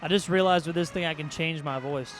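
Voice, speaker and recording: A man doing casual play-by-play commentary for a video game football league on a desk microphone. He mixes excited calls on big plays with chatty asides. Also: fairly high pitch, a little fast, faint music behind. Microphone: desk microphone with a mixer board.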